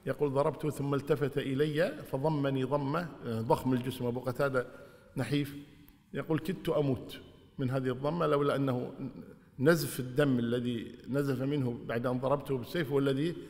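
A man's voice: medium pitch, fairly even intonation, brisk, darkish tone. A man teaching a religious lesson, explaining and retelling the narrators' words in an informal way. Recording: hall with long reverb.

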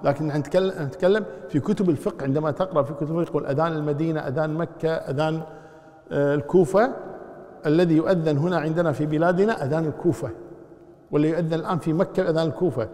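A man's voice: a little high, warm tone, in a large hall. A man teaching Islamic law, explaining step by step and putting questions to his class. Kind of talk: lecture explaining a text.

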